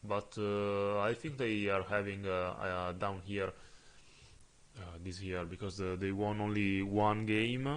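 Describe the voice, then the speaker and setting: Commenting on his football video game stream, a man from Italy speaks English as a second language with an Italian accent, his fairly low voice keeping a steady tone. He pauses often, using fillers as he hunts for the right words.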